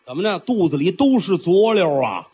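A male storyteller tells a traditional tale in a theatrical, chatty way. His voice is high and swoops widely, with a husky grain. It comes through a dull, lo-fi recording. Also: moderate pace. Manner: animated, theatrical, chatty asides.

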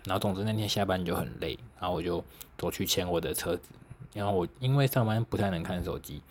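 Low-voiced Taiwanese young man telling stories. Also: fast talker, slight background noise. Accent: Taiwanese Mandarin. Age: young adult. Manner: chatty, self-mocking, laughs, mild swearing. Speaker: podcast host. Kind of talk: casual solo storytelling.

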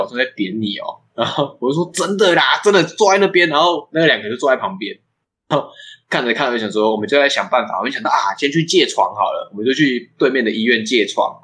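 Fast-talking bright young man. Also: mid-range voice, low-quality recording. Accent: Taiwanese Mandarin. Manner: fast, rambling, laughs often. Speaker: podcast host. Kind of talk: casual storytelling chat.

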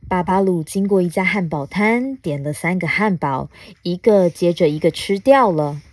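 A mother reading a picture book aloud to her child for a podcast, coaxing and asking gentle questions along the way. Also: fairly low pitch, animated, normal speed, dry recording. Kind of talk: storybook read-aloud podcast.

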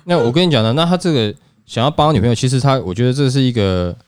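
Taiwanese man, podcast co-host, rapid and animated, profane, dry close mic. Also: mid-range voice, smooth, no room sound. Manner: animated, mixes Taiwanese and Mandarin, swears casually, acts out quotes. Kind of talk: casual chat.

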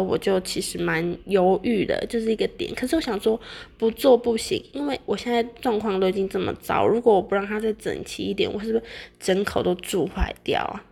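Chatty young Taiwanese woman with creaky voice. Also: medium pitch, a little mellow. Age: young adult. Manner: rambling, repeats words and corrects herself. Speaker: vlogger sharing personal experience. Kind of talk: casual chatty monologue to viewers.

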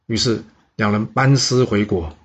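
Husky-voiced male storyteller. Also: on the low side, unhurried. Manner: lively, dramatic narration. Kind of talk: historical storytelling. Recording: dull lo-fi recording.

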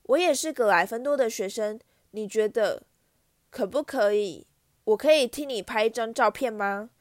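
A woman's voice: on the high side, moderate pace, no echo, studio quality, lightly acted. A woman voicing an eager, pleading young schoolboy in a storybook reading, his words tumbling out. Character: eager skinny young boy photographer.

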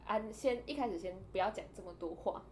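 A woman's voice: medium pitch, fairly quick, slight background noise. A woman co-hosting a podcast, chatting casually and telling a funny story, laughing often and acting out the dialogue. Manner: animated, laughs often, acts out quoted dialogue. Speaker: podcast co-host.

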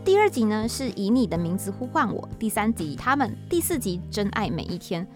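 Over music playing beneath her, a Taiwanese-accented woman hosts her podcast alone, sounding casual, talkative and a bit self-deprecating. She speaks briskly and very animatedly at a medium pitch.

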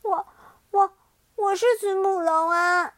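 A woman's voice: extremely high pitch, fairly even intonation, takes it slowly, fairly bright tone, no echo, studio quality, pitched above the performer's own voice, full character voice. A woman voicing a frightened young dinosaur child who protests insistently in a storybook tale. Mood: protesting. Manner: protesting shrilly.

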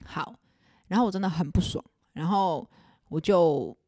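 A young adult woman with a Taiwanese Mandarin accent, hosting a podcast and telling a personal story in a casual, animated way with bursts of exasperation. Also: on the low side, measured pace, no room sound, clean studio sound. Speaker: podcast host.

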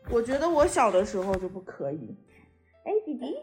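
A woman's voice: fairly high pitch, very animated, brisk, a little mellow, soft background music. A woman hosting a podcast, chatting playfully with a small child in coaxing, sing-song questions. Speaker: podcast host. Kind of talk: playful chat with a young child.

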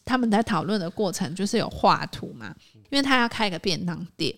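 A woman's voice: mid-range voice, expressive, a little fast, a bit bright. Woman, podcast co-host, vivid storyteller who acts out the people she quotes, casual chat. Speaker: designer.

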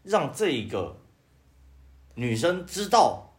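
Brief: Taiwanese Mandarin male, self-mocking, foul-mouthed, voice leaps all over, slightly high. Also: big pitch swings, takes it slowly, crowd noise. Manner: self-mocking, swears a lot. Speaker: podcast co-host. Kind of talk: casual crude banter.

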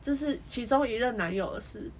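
High, lively woman chatting. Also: a little fast, slight background noise. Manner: animated, laughs often while storytelling. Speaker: podcast co-host. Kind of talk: casual chat.

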